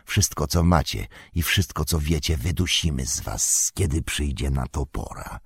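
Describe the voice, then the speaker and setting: A man voicing a sly, menacing male orc who whispers and hisses slowly in an audiobook. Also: extremely low pitch, lively intonation, vocal fry, husky, no echo, voice pushed down, exaggerated voice. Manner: soft hissing menace, slow and wheedling.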